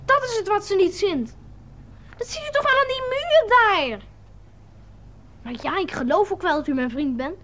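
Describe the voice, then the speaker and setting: A woman playing a lonely little child, very high. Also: animated, normal speed, long pauses, a bit bright. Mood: earnest. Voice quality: insistent, earnest childlike chatter. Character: lonely small child waiting for a friend. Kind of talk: radio play acting.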